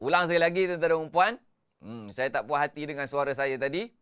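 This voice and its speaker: A Malaysian man with a slightly high, fairly quick, clean and a bit bright voice runs a live-streamed tajwid lesson. He gives repeated instructions, counts students in, and chants the Quran verses melodically.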